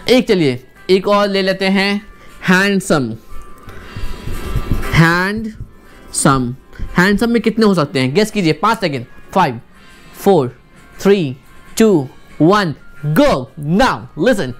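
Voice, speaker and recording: A woman teaching English pronunciation in an online lesson, explaining in Hindi and slowly stretching out words to show their syllables. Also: mid-range voice. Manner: patient, repeats examples, counts down for guesses.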